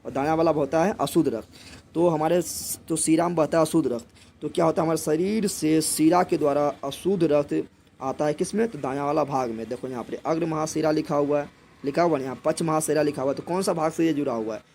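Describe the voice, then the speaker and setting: Young guy w a teaching exam prep, kinda high voice, keeps asking n answering his own questions. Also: a little fast, creaky, a little mellow, slight background noise. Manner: repeats each point as a question, then answers it.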